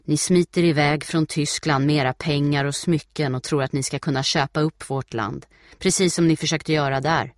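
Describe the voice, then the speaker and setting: A man's voice: mid-range voice, fairly even intonation, hardly any pauses, a little mellow, dry recording, studio quality, lightly acted. A man reading aloud, voicing a sneering freckled boy who spits contemptuous insults. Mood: hateful.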